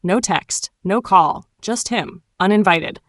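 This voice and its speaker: A woman narrating a dramatic first-person storytime tale in a cool, wry, sharp-tongued way. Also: mid-range voice, slow, no room sound.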